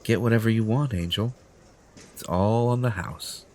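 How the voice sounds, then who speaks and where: Directed at the listener, this audio roleplay features a man as a possessive, entitled superhero who sounds smug and coaxing, pompous, condescending and pleased with himself. His lowish voice is a little mellow and close to an everyday voice, at a moderate pace.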